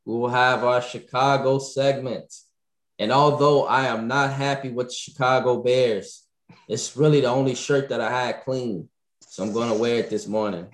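A man hosting a morning sports talk podcast in casual chat, animated and often repeating himself. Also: mid-range voice, moderate pace. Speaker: podcast host.

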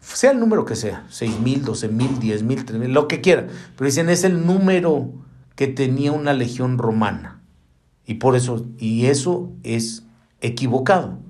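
Preaching a sermon at normal speed, a man speaks animatedly, leaping up in pitch and dropping into hushed asides while addressing the listeners as brother.

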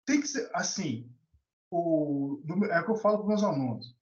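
Talkative guy, voice jumps all over, kinda high, roomy dull sound. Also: moderate pace. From Brazil. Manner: animated, colloquial, many restarts. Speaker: discussion participant, teacher. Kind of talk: casual storytelling and opinion. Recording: echoey lo-fi recording.

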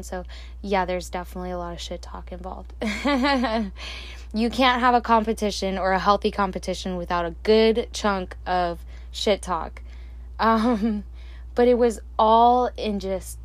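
This is a woman's solo podcast recorded alone at night on a handheld or desk microphone. Her pitch sits in the middle range, and she speaks slowly and calmly in a gentle, soothing way, with soft laughs between reflective thoughts.

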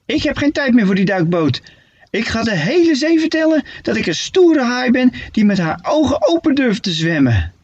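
A man's voice: very high voice, normal speed, slightly rough, dry recording, voice pushed up, exaggerated voice. Man doing a squealing girl shark. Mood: thrilled. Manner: squealing, breathless excitement. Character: excitable young female shark, once timid. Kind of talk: storybook reading. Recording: dull lo-fi recording.

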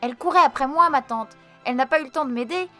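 A woman voicing a remorseful little girl who talks haltingly, on the verge of tears. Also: high-pitched, sharp tone, faint music behind, pitched above the performer's own voice. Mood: upset. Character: young girl, remorseful, tearful.

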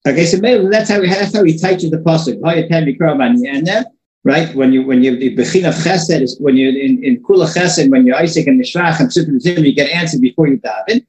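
A man's voice: a little high, fast talker, a little mellow. A man giving an informal religious lesson, talking loosely and often repeating and restarting his words, heard in an echoey room. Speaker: religious teacher.

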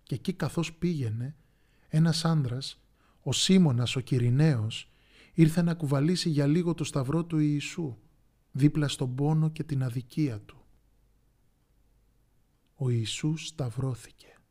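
A man's voice: a little high, dark tone. Man narrating a Bible story, dramatic. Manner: slow, dramatic pauses, sometimes whispering.

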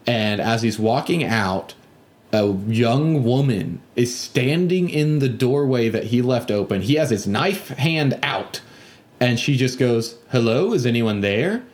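A man on a casual podcast recaps a video game scene. He talks loosely with lots of fillers and breaks into loud, high character voices as he acts it out. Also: animated, slow pace.

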